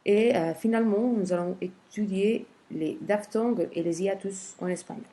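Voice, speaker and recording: Slow, careful and medium in pitch, this woman is a Spanish teacher running through a grammar lesson in French. Between steps she lets out many gentle "hmm" pauses.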